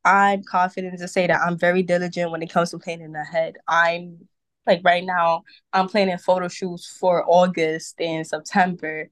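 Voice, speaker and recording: A young adult woman from Brooklyn, New York, is a podcast guest who works as a model and event host, chatting casually in an interview. She's upbeat and talkative, full of "like" and "you know," though her low voice comes out flat at a normal speed with no echo.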